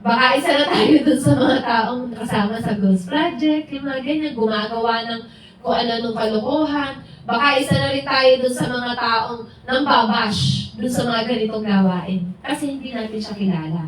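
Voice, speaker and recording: A woman's voice: on the high side, normal speed. A woman giving an informal, conversational sermon at a house church, mixing in English words and acting out what friends say. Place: house church gathering room. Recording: very echoey room, distant mic, faint hiss.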